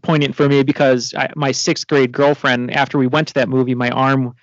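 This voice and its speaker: A man co-hosting a casual podcast, self-deprecating and halting as he tells a story, on a video call. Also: medium pitch, little pitch movement, no room sound, highs cut off. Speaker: podcast co-host. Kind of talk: casual anecdote.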